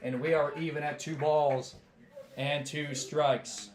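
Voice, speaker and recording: A man doing baseball play-by-play who is losing his voice, with calm measured calls that rise on big plays. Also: a little high, reverberant. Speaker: play-by-play announcer.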